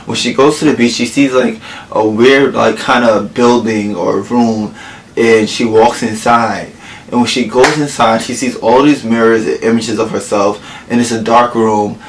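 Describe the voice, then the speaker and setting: A man's voice: medium pitch, fairly even intonation, unhurried, a little hiss or hum, rough recording. A man chatting casually to camera, recapping a film between bites of food, rambling with lots of "like" fillers and self-corrections. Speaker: vlogger. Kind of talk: casual movie recap while eating. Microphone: camera mic, eating on camera.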